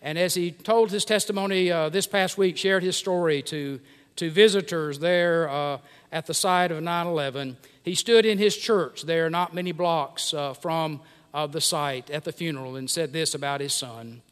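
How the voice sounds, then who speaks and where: A man preaching a sermon in a church, speaking in measured phrases broken by many drawn-out "uh" pauses. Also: fairly high pitch, smooth. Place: church sanctuary. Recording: long church reverb.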